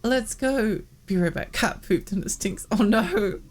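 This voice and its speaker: A woman's medium-pitched voice, a little slow, comes from her live video game stream as game music plays. She chats loosely and expressively, but her tired voice is frayed and breaks easily after losing it.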